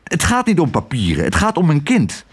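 A man's voice: fairly high pitch, huge pitch swings, brisk, husky, pitched above the performer's own voice, full character voice. A man voicing an anxious, impatient sailor father who talks urgently. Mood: frantic. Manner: urgent, agitated.

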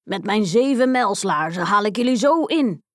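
A huge, hungry storybook giant who talks slowly and gruffly, his words landing with a menacing boom, put on by a woman reading the tale. The voice sits a little lower than the reader's own. It is recorded close up, with no room sound at all. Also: very animated, darkish tone, no room sound, exaggerated voice. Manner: slow, gruff and booming.

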